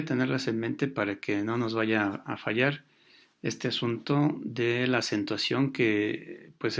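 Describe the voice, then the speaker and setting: Gravelly-voiced man teaching a lesson. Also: mid-range voice, fairly bright tone. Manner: patient, explanatory, with pauses and fillers. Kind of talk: recorded grammar lesson.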